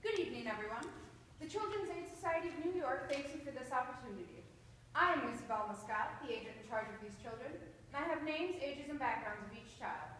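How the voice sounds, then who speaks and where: Quick, high-voiced proper orphan agent played by a woman. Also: lively intonation, a bit bright. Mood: formal. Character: firm, proper female orphan agent in 1918. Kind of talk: amateur stage acting. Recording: distant, very echoey room, faint noise.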